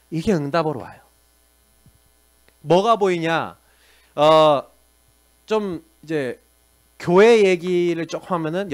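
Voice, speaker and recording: A middle-aged man preaching a sermon as a pastor, questioning his audience directly. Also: a little high.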